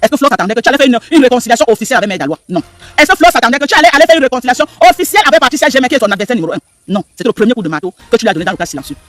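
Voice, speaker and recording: Guy ranting on a live, super fast, keeps repeating stuff and asking the viewers ok?. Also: very high-pitched, sing-song, fairly bright tone, dry recording, faint music behind. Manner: emphatic, repetitive, rhetorical questions to viewers. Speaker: live stream commentator. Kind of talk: animated live stream commentary.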